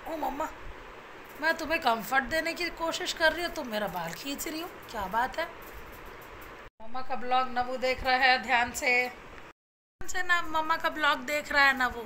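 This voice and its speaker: A woman's voice: high voice, normal speed, bright, forceful tone, a little hiss or hum. A young woman vlogging at home as a new mother, cooing and coaxing her baby in sing-song baby talk, then talking to viewers. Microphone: phone camera.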